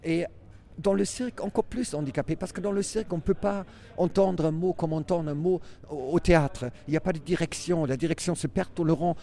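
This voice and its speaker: Man, German accent, mellow voice, circus artist musing aloud in interview. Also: fairly high pitch. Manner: halting, many restarts, reflective. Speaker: circus performer and clown. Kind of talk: interview answers.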